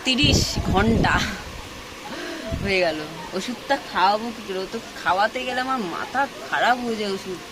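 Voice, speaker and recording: A tired woman with a Kolkata Bengali accent, a mother chatting softly to her viewers at home, repeating herself and checking in with them. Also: mid-range voice, quick pace, hardly any pauses, very noisy. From West Bengal, India. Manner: talks softly, repeats herself, asks "ঠিক আছে?". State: tired from no sleep. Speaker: vlogger, mother. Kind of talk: casual vlog chat to viewers. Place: home, kitchen and bedroom.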